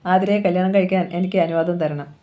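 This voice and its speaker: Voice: medium pitch, steady tone, fast, highs cut off, lightly acted. A storyteller reading a novel aloud, voicing a young man who earnestly pleads with his mother. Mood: pleading.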